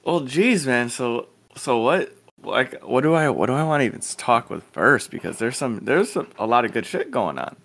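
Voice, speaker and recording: A man with a medium-pitched voice that swings up and down freely. He rambles through casual podcast chat as a co-host, with plenty of slang and swearing. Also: big pitch swings, moderate pace, creaky, a bit bright.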